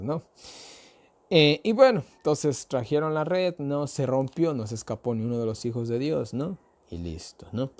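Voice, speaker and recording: A man's voice: mid-range voice, a little mellow. A man from Ecuador giving a casual Bible study talk. He explains in a conversational way, speaks straight to his listeners, and often stops on tag questions, filler words and restarts. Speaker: Bible teacher.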